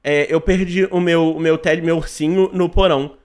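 A man reading out the lines of a young boy in a horror game, who asks for help finding his teddy bear, slowly and hesitantly. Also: on the high side, steady tone, clear, resonant tone, lightly acted. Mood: pleading.

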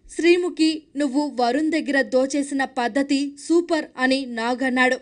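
High-voiced woman reading a news recap. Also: moderate pace. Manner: steady recap reading with reported speech. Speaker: news narrator. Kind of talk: scripted news voice-over.

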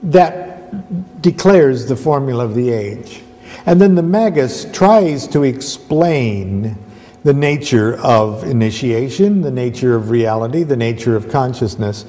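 A man giving a rambling spoken lecture, halting and repetitive, restarting often. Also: mid-range voice, lively intonation, dark tone, big-room sound. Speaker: esoteric lecturer.

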